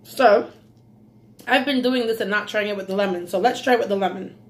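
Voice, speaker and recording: This woman speaks at a medium pitch and a little fast. She's a Belizean in her thirties with a slight accent, hosting a casual eating vlog in a small room at home and letting out frequent mm's as she savors the food.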